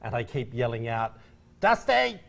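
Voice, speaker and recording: A man's voice: mid-range voice, very animated, moderate pace. A man co-hosting a daytime TV chat show, talking in a playful, teasing way and often wandering off topic. His voice rises and dips widely as he jokes with his co-hosts in the studio. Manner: joking, teasing, rambling. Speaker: TV talk show co-host.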